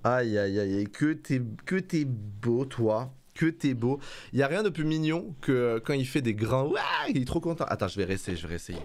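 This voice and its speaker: A man's voice: mid-range voice, expressive, moderate pace, darkish tone, no echo. Playful man cooing at his baby. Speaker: streamer. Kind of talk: casual live-stream chat.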